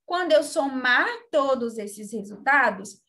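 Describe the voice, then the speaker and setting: High-voiced, slow Brazilian teacher. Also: female voice. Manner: calm, step-by-step explaining. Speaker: primary school teacher. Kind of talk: remote lesson for young children.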